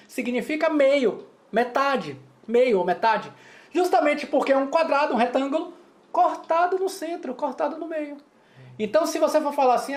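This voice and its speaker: A woman's voice: medium pitch, darkish tone. A woman with a Brazilian Portuguese accent teaching Mandarin in a lesson, explaining in a chatty way and often checking in with her students. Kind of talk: co-taught language lesson.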